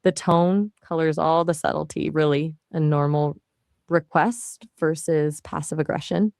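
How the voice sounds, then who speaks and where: An AI assistant with a fairly low, synthetic woman's voice responds to questions in an easygoing, chatty manner full of casual fillers. Her intonation is fairly even and her pace a little slow, with vocal fry and a slightly mellow quality. The audio is close and dry, without any room sound.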